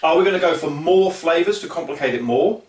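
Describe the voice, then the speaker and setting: Brief: fast-talking man, playful banter, recorded a bit off-mic in an echoey room. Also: on the high side, animated. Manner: jokey, rambling banter. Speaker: host. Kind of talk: casual chat. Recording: roomy, from a distance.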